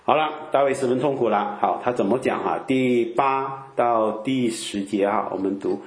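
A man preaching in a relaxed, conversational way, filling his talk with drawn-out "ah" sounds and rhetorical questions. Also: medium pitch, echoey room. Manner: chatty, peppers speech with drawn-out "ah" fillers and rhetorical questions. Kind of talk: conversational Bible teaching.

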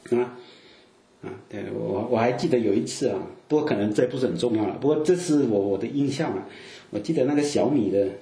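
A man's voice: medium pitch, brisk, dark tone, roomy sound. A man from southern China with a southern accent, preaching a sermon in a loose, conversational way full of fillers and asides. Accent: southern Chinese.

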